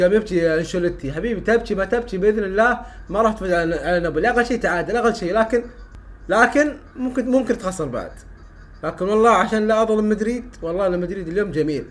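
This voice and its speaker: A young man reacting live to a football match, exclaiming and repeating phrases, shouting at goals. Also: high voice. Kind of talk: excited live reaction commentary.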